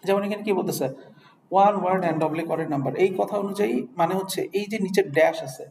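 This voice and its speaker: In a classroom lecture for an English test, a Bangladeshi-accented man speaks a little fast in a high, somewhat mellow voice. He mixes English into Bengali and keeps asking students questions to check comprehension, with room echo and faint noise audible.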